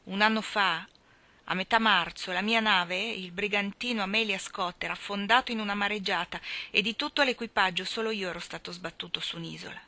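A woman's voice: mid-range voice, brisk, sharp tone. A woman reading the lines of a big, strong young sailor who talks in an eager, earnest, storytelling way.

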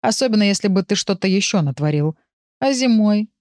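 A woman's voice: mid-range voice, animated, fairly quick, darkish tone, no room sound, studio quality, close to an everyday voice. A woman voicing a sensible, grumpy male pet animal who mocks and scolds. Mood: scolding. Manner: mocking, scolding.

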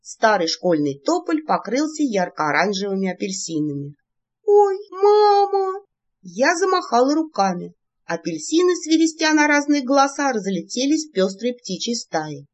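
Husky-voiced woman reading a story. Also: mid-range voice, moderate pace. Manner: lively, expressive reading. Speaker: audiobook narrator. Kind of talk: first-person story narration. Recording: dull lo-fi recording.

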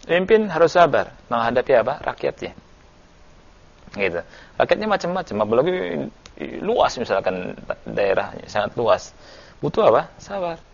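Gravelly male religious teacher, lo-fi audio. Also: mid-range voice, big pitch swings, normal speed. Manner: conversational, tells stories, frequent tag questions and fillers. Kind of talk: religious study lesson, answering questions. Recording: dull lo-fi recording.

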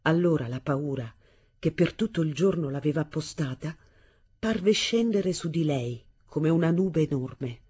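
Husky woman reading a novel aloud. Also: sits low. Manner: measured, expressive storytelling. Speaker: audiobook reader. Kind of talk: literary reading for radio.

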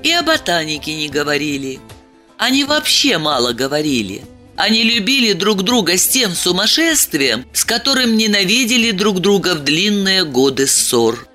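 A woman narrating a novel in an expressive, dramatic storytelling manner. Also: fairly low pitch, moderate pace, faint music behind. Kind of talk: audiobook reading.

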